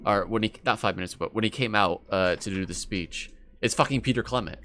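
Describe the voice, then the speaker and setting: A man giving casual, rambling gameplay commentary, excitable and swearing freely. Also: lowish voice, fairly quick, a little hiss or hum. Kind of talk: casual let's-play commentary.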